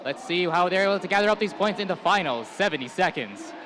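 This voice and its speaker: A man's voice: high-pitched, animated, fast, crowd noise. A man co-commentating a live competition as a hype announcer, trading calls with his partner.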